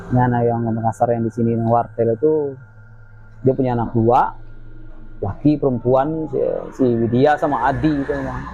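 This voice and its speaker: Speaking at a normal pace in a mid-range voice, a male guest shares a personal ghost story in casual conversation. He tells it lively and imitates the voices of the people he quotes, and the recording is dull and lo-fi with a faint hiss.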